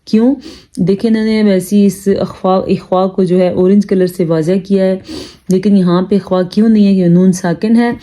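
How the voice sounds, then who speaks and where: A woman teaching Quranic reading rules, explaining briskly and then spelling out syllables slowly and deliberately. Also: mid-range voice. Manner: calm instructive tone, addresses listeners as "janab". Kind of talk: tajweed lesson, spelling out syllables.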